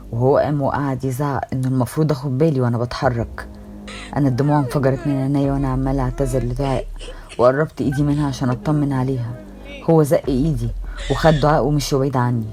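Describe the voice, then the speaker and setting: A woman's voice: very deep voice, steady tone, racing, mellow. A woman with an Egyptian accent narrating a horror story in the first person, intense and emotional. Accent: Egyptian Arabic. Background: faint music.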